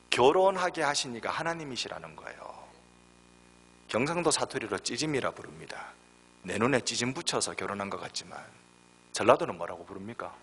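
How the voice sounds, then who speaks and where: A man in his forties, a guest pastor from Daegu with a Gyeongsang accent, preaching a sermon with lively storytelling and emphatic peaks. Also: lowish voice, breathy edge. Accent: Gyeongsang Korean. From Daegu, South Korea. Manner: animated storytelling, acts out voices, rising to emphatic peaks. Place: church sanctuary. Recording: long hall reverb.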